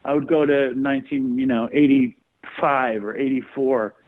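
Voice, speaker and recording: Male guest on a remote call, tinny phone audio, talks in halting, hesitant bursts. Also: mid-range voice, fairly even intonation. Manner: hesitant and halting, full of ums and restarts. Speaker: podcast guest. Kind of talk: casual interview chat.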